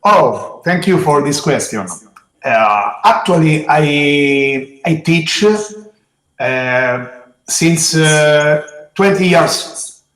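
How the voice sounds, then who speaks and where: A middle-aged man with an Italian accent speaks in a fairly high voice in an echoey room. He answers interview questions slowly, feeling for his words in simple, non-native phrasing. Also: animated, a bit bright. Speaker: geology teacher being interviewed.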